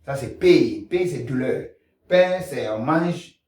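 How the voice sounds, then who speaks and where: A man teaching pronunciation, slowly drilling and repeating sounds, recorded at a distance in an echoey room. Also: medium pitch, animated. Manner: slow, repetitive drilling of sounds. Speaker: language teacher. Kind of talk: pronunciation lesson.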